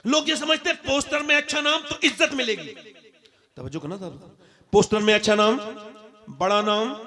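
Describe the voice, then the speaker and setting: A man delivering an impassioned sermon to a crowd, moving from low conversational talk to loud shouted declamation and asking the audience questions. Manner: addresses the crowd directly with questions. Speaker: religious orator. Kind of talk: impassioned sermon at a public gathering. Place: stage at a large religious gathering.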